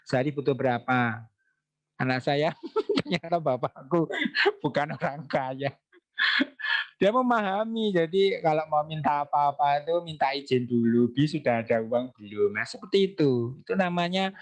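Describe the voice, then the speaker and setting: A man giving an online parenting seminar, talking in a lively way and acting out dialogues between parents and children. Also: a little high. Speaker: parenting speaker.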